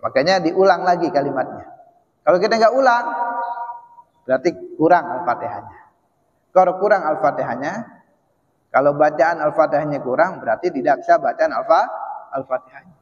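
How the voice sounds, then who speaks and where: Male religious teacher, slightly high voice, patient and repetitive, slow chanted recitations; muffled recording with long hall reverb. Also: animated. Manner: explains patiently, repeats words, chants Arabic slowly. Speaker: Islamic teacher. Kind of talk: mosque study lesson. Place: mosque hall.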